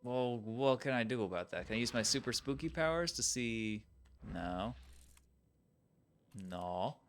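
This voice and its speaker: A man's voice: medium pitch, expressive, measured pace, slight background noise. A man giving casual let's-play commentary, muttering wry reactions as he plays a video game.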